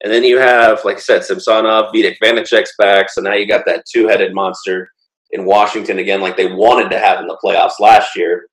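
A man's voice: fairly low pitch, little pitch movement, normal speed, fairly bright tone, roomy sound, low-quality recording. A man co-hosting a casual sports podcast, rambling and playful, with lots of fillers. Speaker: podcast co-host.

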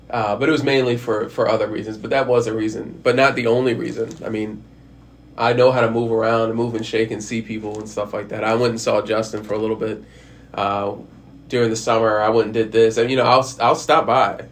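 A man gives a casual advice monologue about handling hard conversations, speaking frankly and rambling with frequent restarts and the odd swear word. His voice is lowish, with a little hiss or hum in the recording.

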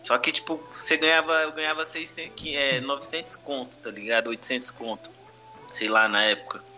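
Bright-voiced São Paulo Brazilian man, slangy. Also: medium pitch, steady tone, a little fast, faint music behind. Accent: Brazilian Portuguese, São Paulo. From Brazil, urban periphery. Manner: heavy street slang, frequent conversational tags. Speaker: comedian interview guest. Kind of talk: casual podcast storytelling.

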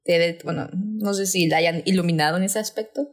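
A woman's voice: lowish voice, a little fast. Young woman, podcast co-host, easygoing casual chat, stretches her phrases, playful scene quotes.

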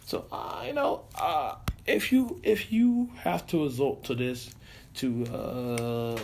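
A man's voice: a little high, vocal fry, a little mellow, slight background noise. A man hosting a casual storytelling show, rambling with many restarts and fillers, chuckling at his own stories. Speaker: podcast host telling stories.

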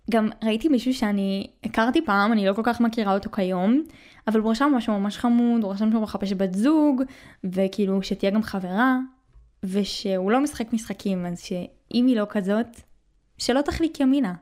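A woman in her early twenties with an Israeli accent and a mid-pitched voice. She talks in a casual, slangy monologue, dropping in English words as a podcast host would. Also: darkish tone. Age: early 20s.

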